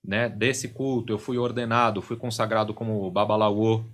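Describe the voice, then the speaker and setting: Low-voiced middle-aged man explaining. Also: little pitch movement, normal speed, a bit bright. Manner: explanatory, constantly tags phrases with "né?" and "entende?". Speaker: podcast guest, religious leader. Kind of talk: casual podcast conversation. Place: podcast studio.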